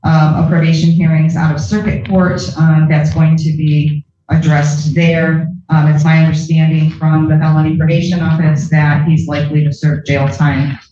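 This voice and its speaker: A woman's voice: low-pitched, flat delivery, normal speed, hardly any pauses, warm tone, slight background noise. A woman probation officer heard on a courtroom recording, reading a formal report with frequent ums and uhs. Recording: muffled, echoey courtroom recording from far off.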